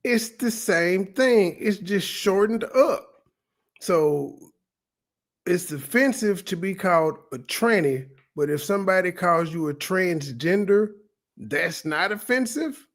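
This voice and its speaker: A man hosting his channel, giving skeptical, unhurried commentary on a clip. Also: sits high. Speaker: channel host reacting to a clip. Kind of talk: casual reaction commentary.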